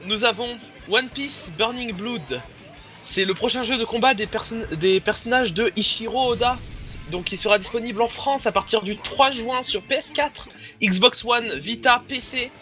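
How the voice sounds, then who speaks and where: A man's voice: very high voice, normal speed, pushed and bright, faint music behind. A young man co-hosting a casual gaming podcast, enthusiastic and joking, rambling through the news with fillers. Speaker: podcast co-host presenting game news.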